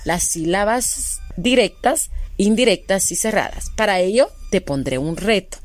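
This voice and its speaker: A woman from Guatemala teaching a lesson to young children, speaking slowly, drawing out syllables, asking questions and praising the answers. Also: a little high.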